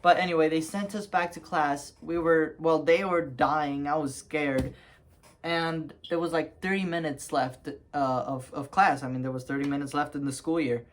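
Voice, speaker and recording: A man's voice: a little high, steady tone, moderate pace, slight background noise. A young man telling a story to camera in a casual, rambling way, with lots of ums and restarts. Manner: rambling, lots of fillers and restarts, laughs at himself.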